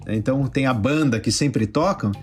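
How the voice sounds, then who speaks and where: Relaxed male podcast co-host. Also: mid-range voice, normal speed, soft background music. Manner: relaxed, explanatory, many fillers. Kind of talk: casual podcast chat.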